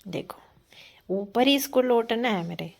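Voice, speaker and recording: A young family vlogger rambles casually from her bedroom, talking to her baby in a fairly high, expressive, creaky voice at a measured pace. Her door is open, letting loud street traffic noise into the recording.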